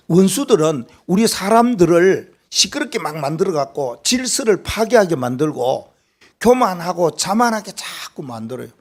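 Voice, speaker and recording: A male pastor with a Gyeongsang accent delivers a Sunday sermon. His voice is high and swings widely in pitch. He keeps turning to the congregation with rhetorical questions.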